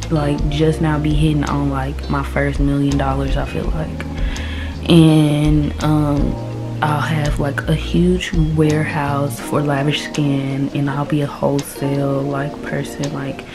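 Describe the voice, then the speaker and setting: A woman in her twenties, a vlogger, chats straight into her phone camera in a relaxed, slangy way. Her voice is low and unhurried, with clear music playing behind her the whole time.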